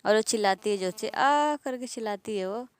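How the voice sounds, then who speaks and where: A woman's voice: medium pitch, fairly even intonation, fast talker, smooth. A woman casually retelling an anime episode, chatty and laughing along, talking straight to her viewers. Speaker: anime recap narrator. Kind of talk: casual spoken story retelling.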